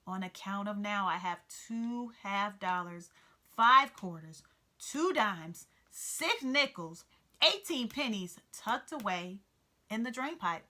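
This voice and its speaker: A woman's voice: mid-range voice, lively intonation, slow pace, sharp tone. A woman voicing a fussy, sentimental male mouse who talks in a whiny, pitiful, dramatic way, reading a storybook aloud. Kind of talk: storybook read-aloud character voice.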